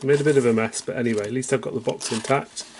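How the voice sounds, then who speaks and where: British man, toy set reviewer, casual and chatty, unhurried, self-deprecating, mid-pitched voice. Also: steady tone, noisy background. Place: home, at a tabletop.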